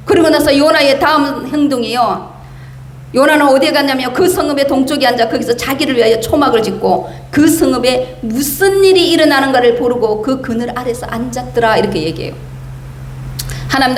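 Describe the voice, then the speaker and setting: In a church sanctuary, a woman pastor with a high, lively voice preaches briskly, firing emphatic rhetorical questions at her congregation. She acts out the prophet's complaints in quoted speech. The sound is reverberant, with a little hiss or hum.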